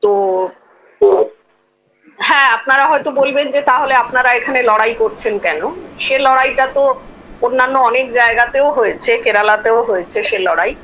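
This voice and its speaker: Sex: woman. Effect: echoey remote line. Pitch: high. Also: a bit bright, dull audio, slight background noise. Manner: halting, many drawn-out fillers. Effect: echo on her remote audio line. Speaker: party spokesperson on a panel. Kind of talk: televised panel debate.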